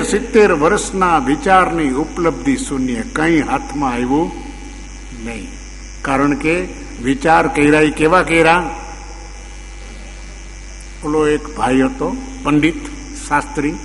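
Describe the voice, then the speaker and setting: A man's voice: a little high, fairly bright tone. A man giving a religious discourse, full of rhetorical questions and emphatic repetitions. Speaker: spiritual preacher. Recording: long hall reverb, faint mains hum.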